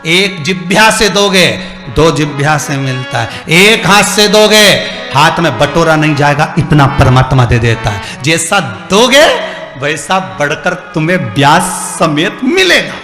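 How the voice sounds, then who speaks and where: An emphatic male preacher tells devotional stories before a live audience, switching between speaking voices for the characters. His voice is bright and forceful, fairly high for a man. The recording echoes in a large hall with faint music underneath. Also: very animated, measured pace. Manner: emphatic, acts out dialogue, asks the crowd. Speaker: katha preacher. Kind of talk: devotional sermon storytelling.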